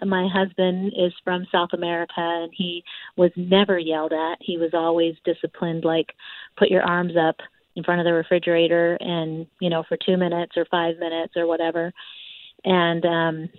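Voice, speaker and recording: A woman calling in to a radio show over a phone line, talking in a hesitant, candid way with frequent pauses. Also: fairly low pitch, little pitch movement, no echo. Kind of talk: call-in conversation. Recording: dry tinny phone line.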